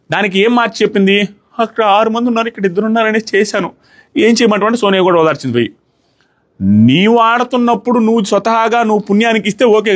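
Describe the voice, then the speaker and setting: A man giving an animated, exasperated review of a reality show episode, often mimicking contestants. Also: sits high.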